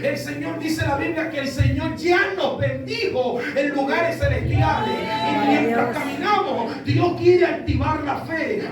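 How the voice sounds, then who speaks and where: A man with an Argentine accent preaching a sermon, impassioned and rising to shouts, telling stories to his congregation. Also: very high-pitched. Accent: Argentine Spanish. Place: church hall with congregation. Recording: echoey church, mic far off.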